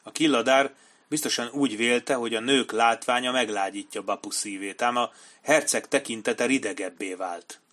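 A man reading an adventure novel aloud in a measured, dramatic narration style. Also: mid-range voice, fairly bright tone. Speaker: audiobook narrator. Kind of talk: scripted narration.

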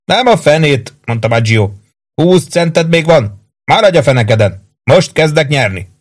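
A brash young soldier gambler, needling and boastful, voiced by a male narrator. The voice sits noticeably higher and pushier than the narration, in a lively audiobook character read.

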